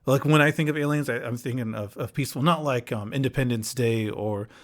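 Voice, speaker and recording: A podcast host from the United States with a slight foreign accent chats casually, speaking a little fast in a mid-range voice. He rambles, frequently restarts his sentences, and retells stories with animation.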